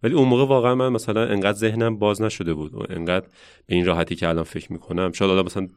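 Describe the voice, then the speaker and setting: A man who works as a science educator, telling stories in a relaxed conversational way and thinking aloud as he reflects. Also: lowish voice, clear, resonant tone, no room sound, studio quality. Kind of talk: casual conversational storytelling.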